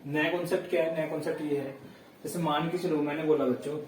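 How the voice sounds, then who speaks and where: A man's voice: fairly high pitch, steady tone, a little mellow, slight background noise. Male tutor, patient step-by-step explainer, recorded from a distance in a reverberant classroom. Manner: explains step by step, checks in with students; dictates sentences slowly word by word. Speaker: teacher. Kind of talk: classroom grammar lesson. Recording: echoey room, voice heard from a distance.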